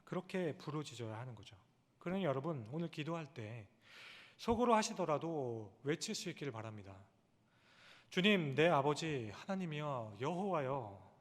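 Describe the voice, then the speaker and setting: A middle-aged male pastor preaching at a Friday prayer service, earnest, rising to loud calls and dropping to hushed low lines. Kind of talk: sermon. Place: church sanctuary. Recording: long church-hall reverb.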